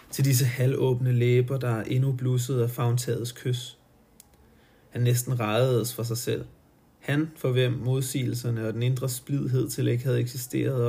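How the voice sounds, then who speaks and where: A man's voice: medium pitch, a little mellow, breathy edge. A man reading a novel aloud for someone close to him, stumbling now and then and correcting his slips. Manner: halting, stops to correct his own slips. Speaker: reader.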